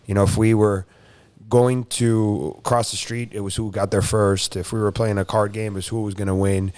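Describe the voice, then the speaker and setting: A man's voice: fairly low pitch, flat delivery, moderate pace, darkish tone. A man from Brazil raised in South Florida, a jiu-jitsu competitor telling his story casually with lots of fillers. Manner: rambling, frequent "you know" and "uh" fillers. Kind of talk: casual interview chat.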